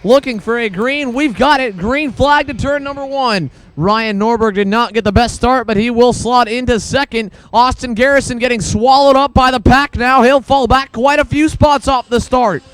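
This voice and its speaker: A man commentating live on a kart race, calling the action play-by-play in an excitable, urgent manner. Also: very high voice, normal speed. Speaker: motorsport commentator.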